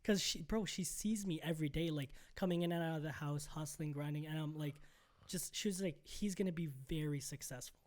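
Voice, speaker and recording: A young man co-hosting a podcast, telling a story in casual chat, animated and full of "like" and "bro". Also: fairly high pitch, fairly quick. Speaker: podcast co-host.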